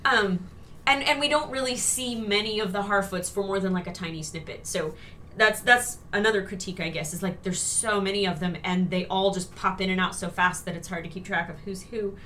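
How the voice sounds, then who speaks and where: Sarcastic woman co-host, bright voice, mic set a bit far off with a faint rumble. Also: brisk. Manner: chatty, sarcastic, many fillers. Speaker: co-host reviewing a TV episode. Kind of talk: casual critical chat.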